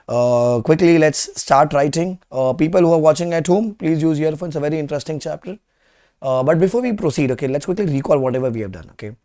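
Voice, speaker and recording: An Indian-accented male teacher with a slightly high-pitched voice. He lectures to a live class, quizzing students as he goes and saying key questions and phrases more than once so they stick. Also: darkish tone. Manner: repeats questions and phrases for emphasis.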